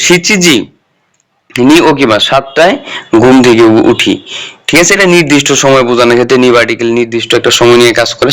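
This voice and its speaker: A man's voice: mid-range voice, fairly bright tone. Man teaching, answering his own questions. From Bangladesh. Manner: repeats points as questions and answers them himself; colloquial, checks in with "ঠিক আছে?". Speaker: Japanese language teacher. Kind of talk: casual explanatory lesson.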